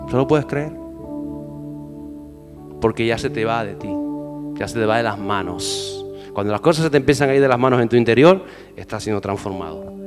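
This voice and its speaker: A man preaching a sermon. He swings loud exhortation to low, quiet asides and keeps asking the congregation questions. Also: long reverb tail. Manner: addresses the congregation with repeated questions. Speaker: pastor.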